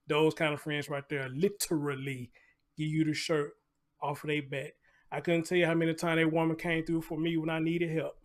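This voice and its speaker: This slightly high-voiced American man hosts a relaxed live commentary show, speaking conversationally. Along the way he repeats phrases, asks rhetorical questions and makes asides in a preacher's manner.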